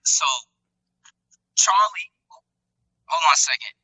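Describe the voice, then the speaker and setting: In a studio-style phone or video call, a man with a slightly high, husky voice talks slowly about his singing career. He's an animated storyteller who uses slang and acts out quotes. The low-quality recording has no room sound.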